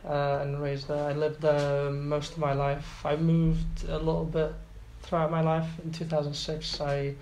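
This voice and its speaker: A man's voice: on the high side, completely flat delivery, a little slow, hardly any pauses, a little mellow. A man in his twenties from Iraq, talking as an interview guest, hesitant with many fillers and restarts. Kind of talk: casual interview. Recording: roomy echo, faint background noise.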